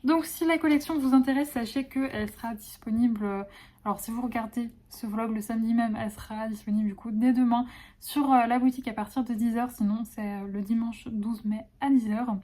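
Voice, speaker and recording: A woman's voice: a little high, steady tone, brisk, warm tone. A woman illustrator chatting casually in a vlog, gushing and affectionate about the things she made, with lots of filler words. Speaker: illustrator presenting her own collection.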